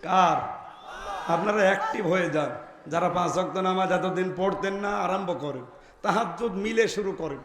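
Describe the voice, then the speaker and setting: Male preacher, high voice, fervent shouted sermon over a PA in an echoey space. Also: normal speed. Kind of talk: waz sermon. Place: outdoor religious gathering with PA.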